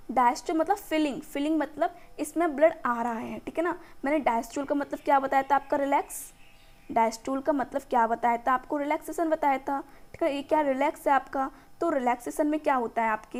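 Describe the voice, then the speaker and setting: A young woman with a high voice gives a biology lesson. She checks in with her students after almost every phrase, poses questions and answers them herself. Textbook lines are read out slowly before she explains them. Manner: repeats "ठीक है ना" often, asks and answers her own questions. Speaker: biology teacher. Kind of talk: classroom lecture explaining in Hindi.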